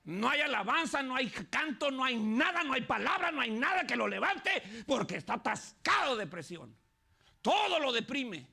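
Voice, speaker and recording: A man, a pastor preaching an animated sermon with laughs and shouted peaks. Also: very high-pitched, moderate pace, creaky, breathy edge.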